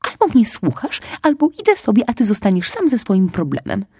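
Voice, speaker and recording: A woman voicing a brisk, clever female squirrel who gives firm, helpful advice. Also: lowish voice, big pitch swings, warm tone, husky, no echo, clean studio sound, heavily acted. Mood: firm scolding.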